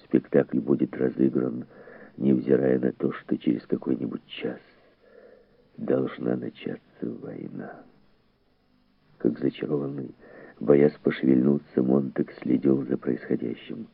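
A man reading a novel aloud in measured, dramatic scripted narration. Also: rumbling low, fairly even intonation, gravelly, breathy edge, dry recording. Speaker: audiobook narrator. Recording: tinny phone-like dry recording.

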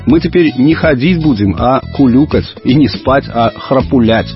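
A man's voice: medium pitch, normal speed, close to an everyday voice. A man voicing a playful, inventive middle-aged father in a radio story reading. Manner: calm, playful, solemn when reciting. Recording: dull radio recording, faint music.

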